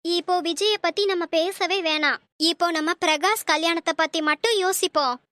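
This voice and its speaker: A woman's voice: extremely high pitch, normal speed, sharp tone, no room sound. A woman voicing a nosy, argumentative middle-aged sister-in-law in a cartoon. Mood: arguing. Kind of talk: cartoon voice acting.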